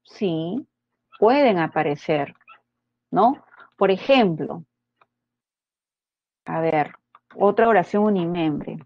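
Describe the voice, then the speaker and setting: A woman teaching a grammar class at an unhurried pace, explaining each point and checking in with her students through short tag questions. Her voice sits mid-range and comes through dry and close, with no room around it. The audio is dull and lo-fi, as from an online class. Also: lowish voice, lively intonation, no room sound. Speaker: language teacher. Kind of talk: pre-university grammar lecture.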